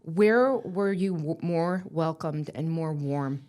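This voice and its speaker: A woman's voice: deep voice, takes it slowly, darkish tone. A middle-aged woman hosting a casual podcast chat, talking with enthusiasm and plenty of fillers. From Greek-American from the Jersey Shore area. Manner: chatty, enthusiastic, many fillers. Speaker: host.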